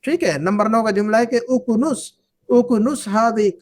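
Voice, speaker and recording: A woman's voice: fairly high pitch, darkish tone. A woman whose first language is Urdu, teaching an Arabic grammar lesson, patiently repeating verb forms and asking the class questions. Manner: asks the class questions and invites answers.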